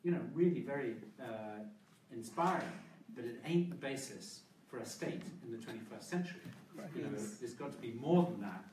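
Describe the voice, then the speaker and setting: A man talking briskly on a discussion panel, peppering his points with casual asides. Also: mid-range voice, expressive. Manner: brisk, informal, many "you know" asides. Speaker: panel speaker. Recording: roomy hall, distant mic, noise.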